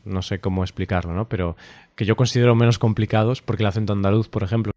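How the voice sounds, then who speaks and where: Low-voiced Spanish man chatting casually. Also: no echo. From Spain. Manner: relaxed, chatty, laughs often, hesitant fillers. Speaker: podcast co-host. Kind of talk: casual conversation.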